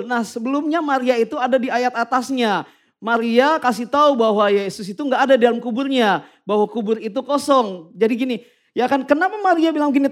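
High-voiced man preaching a sermon. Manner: animated, reads verses slowly, addresses the congregation directly.

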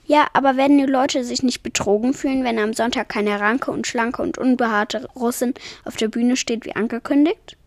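A woman's voice: a little high, moderate pace, hardly any pauses, no room sound, clean studio sound, lightly acted. A woman voicing a shy, furry female yeti ballerina who pleads anxiously, in a storybook reading. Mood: doubtful.

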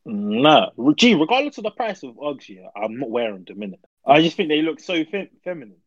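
A man's voice: a little high, very animated, fairly quick, no echo, dull audio. A young man with a London roadman accent, chatting casually and arguing his opinions in slang, repeating himself for emphasis. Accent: London roadman, multicultural urban London slang. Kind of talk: casual chat, debating opinions.

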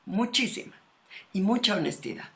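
A woman, speaking as a guest expert in a calm, measured, explanatory conversation and asking her listeners questions. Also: mid-range voice.

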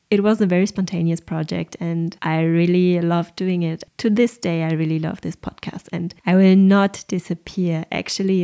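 A woman's voice: fairly low pitch, dark tone. German-accented woman hosting a podcast. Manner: earnest, open, occasional light laughs. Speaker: podcast host and osteopath. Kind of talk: personal podcast monologue.

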